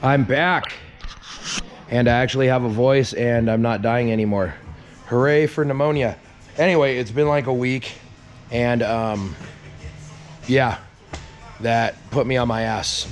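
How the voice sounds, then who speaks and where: A man's voice: medium pitch, unhurried, pauses often, soft background music. A man chatting casually as a vlog host, with a self-deprecating, joking manner. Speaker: host of a truck build vlog.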